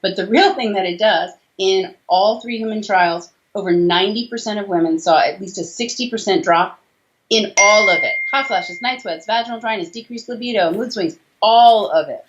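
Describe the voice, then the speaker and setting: A woman in her forties, a doctor and author, is the guest in a conversational interview over a video call from a small indoor room. Her medium-pitched voice moves at normal speed, talkative and emphatic as she lists details. The audio is slightly dull, with a little hiss or hum.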